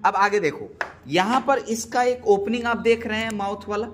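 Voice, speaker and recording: A man's voice: high voice, moderate pace, fairly bright tone, a little hiss or hum. A man teaching biology, quizzing his students with repeated questions and calling them "beta.". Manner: calls students "beta" affectionately. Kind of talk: classroom lecture.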